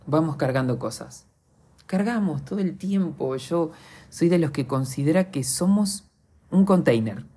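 Warm husky Argentine man, confessional. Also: on the high side. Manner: earnest, confessional, talks straight to listeners. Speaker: podcast host. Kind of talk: reflective podcast monologue.

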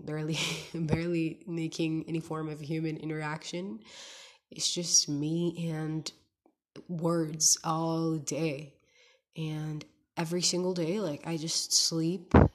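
A young woman recording a personal audio diary on her phone at home, talking in a rambling, hesitant way with many restarts. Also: low voice. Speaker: podcaster.

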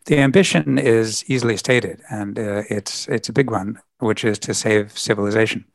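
A man being interviewed as a podcast guest, explaining his work thoughtfully with frequent pauses. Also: on the low side, fairly even intonation, creaky, dry recording. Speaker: podcast guest, environmental lawyer. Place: lives in Britain.

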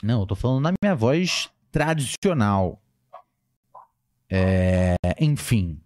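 A Brazilian man with a Brazilian Portuguese accent hosts a livestream podcast in a casual, playful way, reading viewers' messages. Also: slow. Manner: animated, playful, jumps in pitch when reading names. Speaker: podcast host reading live chat.

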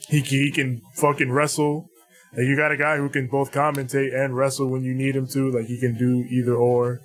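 A man's voice: medium pitch, flat delivery, moderate pace. A man co-hosting a podcast, chatting informally through news with repeated phrases and some swearing. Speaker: podcast co-host. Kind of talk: casual wrestling news chat.

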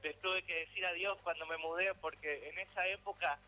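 A man's voice: a little high, steady tone, normal speed, pushed and bright, soft background music, low-quality recording. A teenage man with an Argentine Spanish accent, a radio columnist chatting in a playful, teasing, theatrical way. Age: teens. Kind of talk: casual radio chat.

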